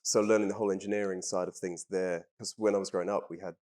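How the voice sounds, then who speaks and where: Deep-voiced man, rambling and relaxed. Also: fast talker. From Trinidad and England. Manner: relaxed, rambling with many ums and restarts. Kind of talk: casual interview talk.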